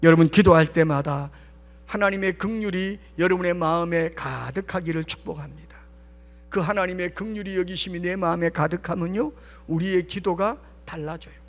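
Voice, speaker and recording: High-voiced man preaching in a hall. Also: moderate pace. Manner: emphatic preaching, drops to whispers for stress. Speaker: pastor. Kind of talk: sermon at a late-night prayer meeting. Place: church sanctuary. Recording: long church hall reverb.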